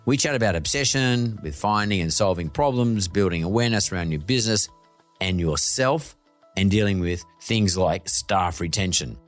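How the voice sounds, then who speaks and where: A man's voice: deep voice, lively intonation, moderate pace, soft background music. A man hosting an interview podcast, asking probing follow-up questions. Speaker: podcast host.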